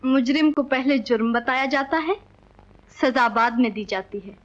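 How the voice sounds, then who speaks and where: A woman's voice: sits high, moderate pace, natural voice. Woman playing a wronged, dignified young wife. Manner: formal, pleading, dignified Urdu diction. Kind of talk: 1940s film acting. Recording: dull old film soundtrack.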